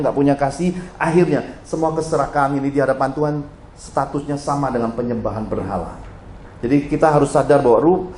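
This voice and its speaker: Middle-aged male pastor, mid-pitched, storytelling sermon, roomy hall. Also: a little hiss or hum. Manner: animated storytelling, addressing the congregation directly. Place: church hall. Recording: roomy church hall echo.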